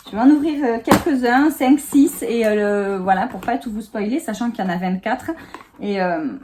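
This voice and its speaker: A woman's voice: a little high, moderate pace, background noise. Chatty, giggly woman unboxing at home. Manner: chatty, giggly, many fillers. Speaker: vlogger. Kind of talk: casual unboxing chat. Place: home office, seated on a small sofa.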